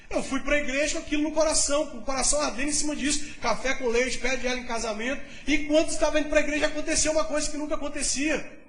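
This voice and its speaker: A male pastor telling a testimony in a sermon, telling the story in a lively way and speaking to the congregation. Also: very high voice, racing, roomy sound.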